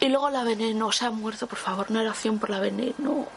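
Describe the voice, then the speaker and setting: High voiced woman, blunt and crude, crowd noise behind. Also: fast, gravelly. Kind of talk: casual radio chat.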